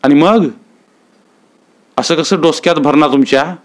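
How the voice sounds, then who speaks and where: A man's voice: on the high side, measured pace, voice pushed up, close to an everyday voice. A man voicing a whispering village wife. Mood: hushed gossip. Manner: hushed, muffled, urgent. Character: village wife whispering gossip behind her sari.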